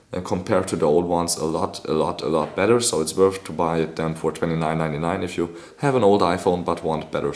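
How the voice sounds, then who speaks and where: Hoarse low-voiced man reviewing a phone. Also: a little mellow. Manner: rambling, fillers, non-native phrasing. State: hoarse, clearing throat. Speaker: tech reviewer. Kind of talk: casual product review.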